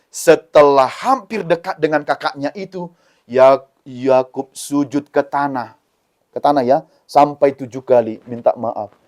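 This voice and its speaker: Animated man preaching to children. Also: mid-range voice, measured pace. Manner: animated, addresses children directly. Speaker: Sunday school preacher. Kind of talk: children's sermon storytelling.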